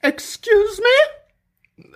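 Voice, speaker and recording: A woman voicing an indignant married wife in a folk tale, in a plaintive, high voice. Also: big pitch swings, extremely slow, full character voice.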